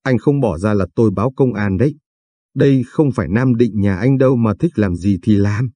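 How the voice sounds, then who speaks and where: A man's voice: on the low side, moderate pace, dry recording, close to an everyday voice. A man reading as a young woman fending off her ex. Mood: defiant. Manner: sharp and pleading by turns.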